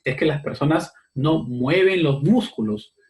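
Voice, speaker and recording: A man's voice: on the high side, unhurried, a little mellow. A man explaining a voice and diction lesson to his students, unscripted and full of fillers, often repeating his phrases and checking in with tag questions. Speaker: teacher. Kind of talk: recorded class explanation.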